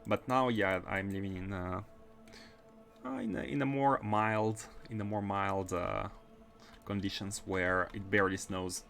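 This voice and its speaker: Over faint background music, a man's lowish, creaky, slightly bright voice holds a steady tone at a slightly slow pace. He speaks with a Russian accent, chatting casually as he plays on a livestream and often repeating or restarting phrases.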